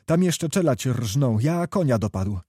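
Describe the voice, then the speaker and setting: A man voicing a panicked estate steward who brings urgent news in a high, shouting voice. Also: sing-song, unhurried, slightly rough, no room sound, clean studio sound, heavily acted. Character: panicked male estate steward, frantic messenger.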